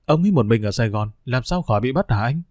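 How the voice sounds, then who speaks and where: An anxious middle-aged wife, questions tumbling out quickly in a slightly lifted voice, in a storybook reading, as a male narrator puts her on. Close and dry. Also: medium pitch, lively intonation, a little mellow, no room sound, natural voice. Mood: worried.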